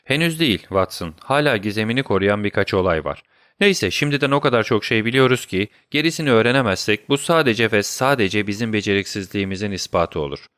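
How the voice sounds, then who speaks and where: A man's voice: fairly low pitch, lively intonation, fast talker, a bit bright, smooth, no echo, studio quality. A man voicing a brilliant male detective in an audiobook reading, speaking firmly and with command. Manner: firm, commanding.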